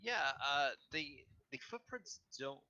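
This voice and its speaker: A man acting as game master, narrating a tabletop game in halting, deliberate descriptions. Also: fairly high pitch, expressive, sharp tone, highs cut off. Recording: faint background noise, mouse clicks.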